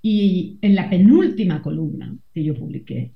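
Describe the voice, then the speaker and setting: In a roomy, slightly dull recording, a middle-aged mother who writes a column speaks reflectively in a conversational interview. Her lowish, gravelly voice is expressive at normal speed, and she often ends with tag questions.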